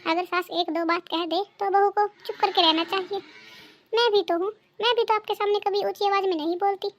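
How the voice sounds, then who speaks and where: A woman's voice: very high-pitched, fairly even intonation, fairly quick, soft background music. A woman voicing a scheming, gossiping younger daughter-in-law in a cartoon. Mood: sweet-talking. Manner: sly, sweet-talking. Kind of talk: cartoon dubbing.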